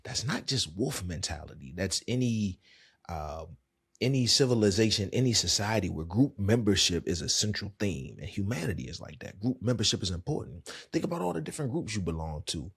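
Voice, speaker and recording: A man's voice: fairly low pitch, sing-song, a little fast, vocal fry, fairly bright tone, husky. A man with a Washington DC accent, a podcast host and therapist, talking candidly and casually in a monologue. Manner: candid, conversational, colloquial.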